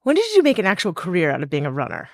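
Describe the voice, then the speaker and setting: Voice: medium pitch, wildly swooping pitch, very fast, vocal fry, dry recording, studio quality. A podcast host asking short, curious questions in a casual interview.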